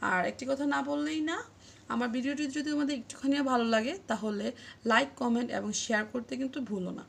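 A woman teaching English literature in a video lesson, explaining slowly and drawing out example words syllable by syllable. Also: on the high side, gravelly, a little hiss or hum. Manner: addresses viewers as friends, asks them to comment. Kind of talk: online grammar lesson.

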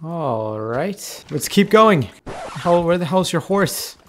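Excitable man narrating his gameplay. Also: on the high side, slow pace, slight background noise. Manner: excitable, talks to game characters while playing. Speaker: gaming video creator. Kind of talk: casual gameplay commentary.

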